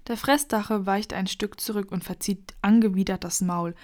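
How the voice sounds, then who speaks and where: A woman reading a children's story aloud in a lively, expressive way. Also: medium pitch, moderate pace.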